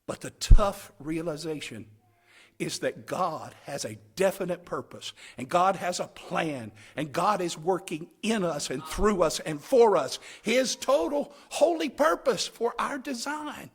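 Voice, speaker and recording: This camp meeting preacher speaks emphatically, alternating soft phrases with loud cries and repeating brief phrases for stress. His voice is high-pitched, husky and expressive, at a measured pace.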